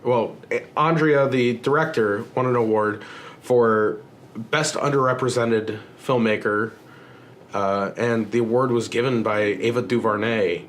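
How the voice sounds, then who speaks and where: A man's voice: lowish voice, slight background noise. A man talking casually in a vlog, with lots of fillers and restarts and the odd swear. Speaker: filmmaker vlogger. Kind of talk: casual chat.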